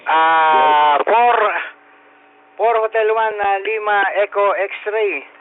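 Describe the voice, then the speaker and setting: An older man with a Filipino accent runs an amateur radio roll call over a two-way radio transmission, halting with frequent "ah" fillers and spelling call signs phonetically. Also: high voice. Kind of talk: radio net roll call in mixed Tagalog and English. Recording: narrow two-way radio band.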